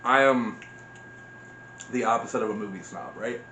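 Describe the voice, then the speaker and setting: A man's voice: medium pitch, moderate pace, pushed and bright. A man in his thirties chatting casually as co-host, blunt and opinionated, swearing freely. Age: 30s. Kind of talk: casual chat. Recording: echoey room with faint noise.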